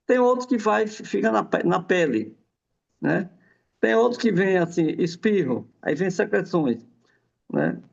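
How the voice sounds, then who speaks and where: Rambling through a relaxed explanation of homeopathy, this male guest keeps ending lines with a questioning "right?" His high-pitched voice is gravelly and sing-song, and he takes his time, heard on a dull lo-fi recording.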